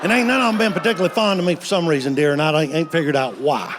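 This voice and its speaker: Talking very fast in a voice on the high side, a stand-up comedian in his 50s rattles off folksy stories with playful punchlines. Background noise can be heard.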